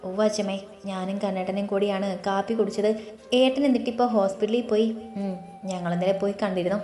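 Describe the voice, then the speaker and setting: A woman's voice: mid-range voice, steady tone, fast, dark tone, lightly acted. A woman voicing a shy, timid young wife in an audio romance story, speaking meekly and apologetically. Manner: meek, apologetic. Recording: roomy echo.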